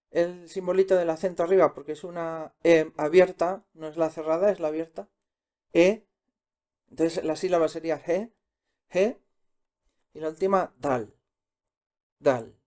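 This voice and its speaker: Slow, patient man teaching sounds. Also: sits high, warm tone. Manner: patient, repeats each sound twice. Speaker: Korean language teacher. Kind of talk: slow step-by-step pronunciation lesson.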